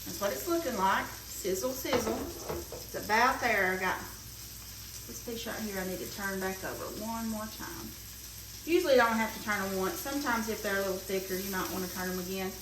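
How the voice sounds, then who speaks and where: A woman's voice: medium pitch, brisk. A woman hosting a casual cooking demonstration, chatting homily as she works at the stove. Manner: chatty, homey, talks while cooking. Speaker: cooking show host. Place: home kitchen. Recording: roomy kitchen, mic at a distance, sizzle noise. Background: frying and sizzling pan.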